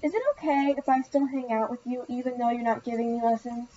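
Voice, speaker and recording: A woman's voice: fairly high pitch, steady tone, brisk, mellow, highs cut off, slight background noise, natural voice. A woman reading the lines of a deaf teenage girl who is eager and clings to her friend, in a plain read-aloud way. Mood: tense, pleading.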